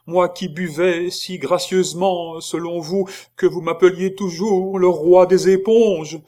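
Un homme qui fait la voix d'un gros moine terrifié, qui supplie en gémissant d'une voix haute et traînante. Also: male voice, fairly even intonation. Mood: wailing. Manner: high wailing pleas, slowed and drawn out. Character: fat terrified male monk, pleading and whining.

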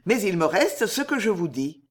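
Guy reading a humble awed concierge, polite and eager, highish voice, audiobook. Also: very animated, moderate pace, slightly rough, full character voice. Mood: deferential. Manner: deferential, astonished.

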